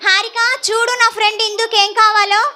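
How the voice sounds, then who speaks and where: A woman's voice: very high voice, little pitch movement, a little fast, pushed and bright, slight background noise. A woman playing a fussy lady of the house who is busy planning her daughter's wedding and bosses her maid around, in a church Christmas skit. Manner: bossy toward her maid.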